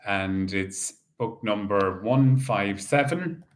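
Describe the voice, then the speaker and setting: A man with an Irish accent hosting as a bingo caller, announcing in a measured, formulaic way. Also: lowish voice. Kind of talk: bingo calling, numbers digit by digit.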